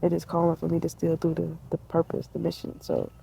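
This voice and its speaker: A woman's voice: on the low side, monotone, a little fast, gravelly, dark tone, slight background noise, poor audio. A woman in her twenties sitting outdoors in a tree, talking in a casual, reflective way, slangy and spiritual, with laughter. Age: 20s. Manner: laid-back, spiritual, slangy, laughs often. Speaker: vlogger.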